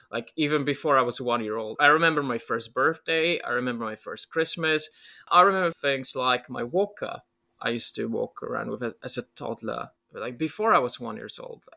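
Creaky and sharp in tone, this man's mid-range voice belongs to a Polish interview guest whose first language is Polish. He chats in a casual, reflective, rambling way, leaning heavily on filler words like "like."

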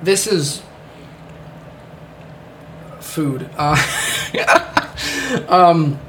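A man's voice: mid-range voice, steady tone, measured pace, fairly bright tone, a little hiss or hum. A man hosting a casual podcast chat, rambling with many fillers and the odd swear word. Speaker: podcast host.

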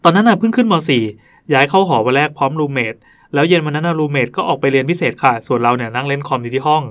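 A man's voice: fairly high pitch, rapid-fire. Chatty man reading ghost stories. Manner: chatty, breaks off to joke and comment. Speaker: podcast host.

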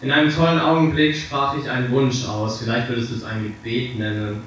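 A man's voice: medium pitch, little pitch movement, a little fast, fairly bright tone, a little hiss or hum, close to an everyday voice. A man reading aloud as a vain, jaded young man who speaks coolly and wearily, in an echoey hall from a distance. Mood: weary.

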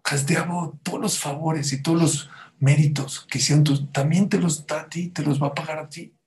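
A man delivers a sermon, his voice sitting a little high. He tells stories and keeps turning to the audience with rhetorical questions, animated throughout. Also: normal speed.

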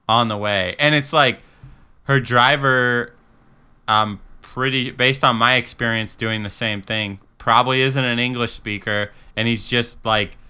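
A man's voice: lowish voice, sharp tone, clean tone. A man hosting a podcast, telling stories loosely and laughing often. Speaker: podcast host. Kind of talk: casual chat.

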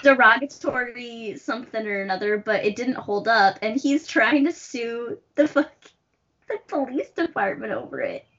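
Joking bright-voiced young woman. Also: a little high, expressive, normal speed. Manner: blunt, joking, swears casually. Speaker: podcast co-host. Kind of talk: casual chat. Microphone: recorded over video call. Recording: dull lo-fi call audio.

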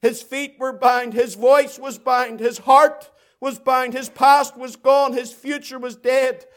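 With an extremely high pitch and a level tone, a man gives a passionate evangelistic sermon. He leans on emphatic repetition, drawing out phrases for drama.

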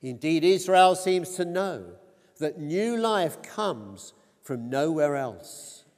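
Guy preaching slow and deliberate, kinda high voice, big echoey church hall. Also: sing-song, darkish tone. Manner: measured, deliberate, rising on quoted cries. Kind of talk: sermon. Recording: long reverb of a church hall.

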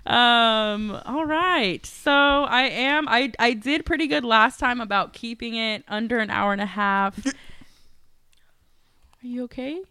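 A young woman co-hosting a casual podcast, telling stories in slangy, animated talk full of laughter. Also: a little high, takes it slowly, clear, resonant tone, dry recording. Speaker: podcast co-host.

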